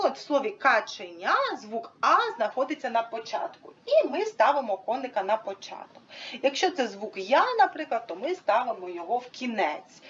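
Woman with a high, animated voice, teaching with props and pausing on fillers. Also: lo-fi sound, a little hiss or hum. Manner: hesitant, many fillers, demonstrates with props. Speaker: teacher explaining a method. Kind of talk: informal instructional talk.

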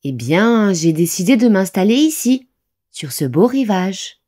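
A woman voicing a cheerful, friendly male beaver in a storybook, bright and a little puzzled. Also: mid-range voice, big pitch swings, unhurried.

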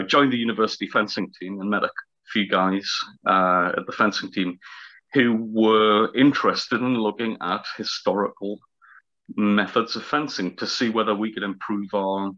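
A man's voice: lowish voice, bright, forceful tone. A man of about fifty with a heavy Northumberland accent and long vowels, explaining things in an interview in a hesitant, word-searching way. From Northumberland, north-east England. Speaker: interview guest, historical fencing teacher. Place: small room at home, indoors. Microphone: video call, webcam distance. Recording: slightly dull video-call audio.

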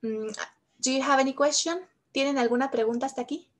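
A woman's voice: high-pitched, brisk. A woman teaching English grammar, patiently repeating each example in two languages. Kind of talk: bilingual grammar lesson.

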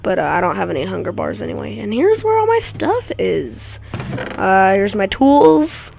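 A woman gaming YouTuber rambles through casual gameplay commentary at home, chatting to viewers on a desk mic near a clicky keyboard with dogs nearby. Her mid-range voice swoops wildly in pitch and sounds gravelly, husky, and darkish at normal speed, with soft background music.

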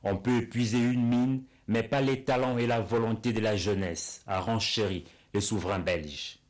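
A man narrates a television news story in a steady, formal reading. His voice sits a little low and stays even throughout. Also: normal speed. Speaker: news reporter.

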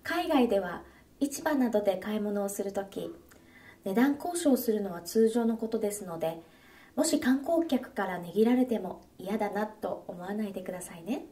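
A woman giving scripted instructional narration, repeating each phrase slowly and carefully for learners. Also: medium pitch, animated, mellow, distant mic.

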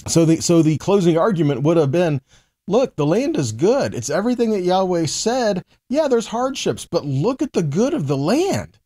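Here a man in his forties reads scripture and asks rhetorical questions in a conversational, emphatic sermon delivered to camera. He has a high-pitched, sing-song, mellow voice and speaks at a normal speed.

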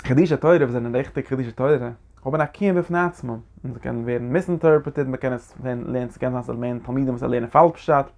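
A man teaching a religious lecture in an animated way, often restarting his sentences and breaking into emphatic bursts. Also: mid-range voice, fast talker, hardly any pauses. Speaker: Torah teacher.

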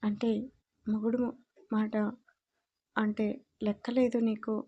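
A woman's voice: medium pitch, little pitch movement, slow, warm tone, slightly rough, highs cut off. Woman voicing a stern young husband. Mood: angry. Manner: demanding, scolding questions.

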